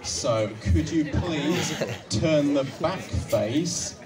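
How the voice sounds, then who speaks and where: A young adult instructor with a slightly high voice and lively intonation talks a cube solve through into a handheld mic on an outdoor stage at night. His instructions come slowly and politely, one step at a time, with gentle laughs. Crowd and music come through a distant mic.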